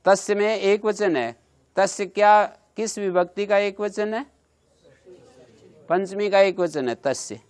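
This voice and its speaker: A man's voice: sits high, takes it slowly, pauses often, clear, resonant tone. A man teaching a grammar class, explaining step by step and stopping to check with his listeners by asking them questions. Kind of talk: classroom lecture.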